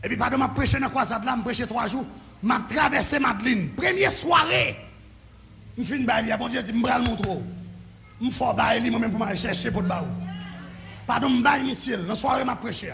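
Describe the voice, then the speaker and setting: A male pastor with a Haitian French accent telling his story in a sermon, excited and often breaking into shouts. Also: very high voice, fairly quick, creaky. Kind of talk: preaching sermon testimony.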